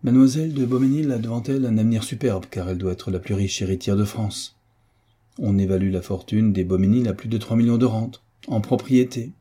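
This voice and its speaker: A man voicing a worldly, confident young gentleman who talks in a lively way. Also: lowish voice, a little fast, husky.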